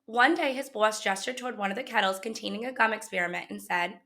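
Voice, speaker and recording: Speaking quickly at a medium pitch, a woman reads a children's picture book aloud in a teacher's style, with expressive storytelling.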